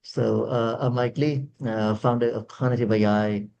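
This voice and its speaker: Man, mellow, muffled call. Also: medium pitch, fairly even intonation, normal speed, creaky, a little hiss or hum. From Vietnam. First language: Vietnamese. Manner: earnest, explanatory, repeats words when searching. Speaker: startup founder, panelist. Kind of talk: webinar panel discussion. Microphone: video call. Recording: dull, lo-fi video call audio.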